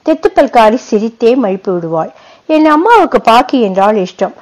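A woman narrating a short story in a measured, even reading voice. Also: on the high side, rough recording. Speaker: story reader. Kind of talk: scripted narration.

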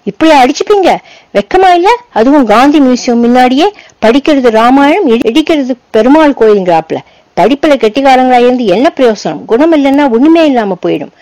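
A woman reading a story aloud, voicing a stern male schoolteacher who scolds two boys in a loud, raised voice. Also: fairly high pitch, expressive, fairly quick, no room sound, natural voice, rough recording. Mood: scolding.

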